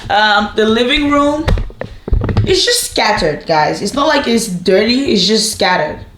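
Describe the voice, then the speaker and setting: A woman's voice: a little high, animated, measured pace, reverberant, background noise. A young woman and student vlogging casually to camera in her apartment, rambling and chatty with lots of fillers. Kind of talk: casual vlog chat to camera. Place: apartment indoors.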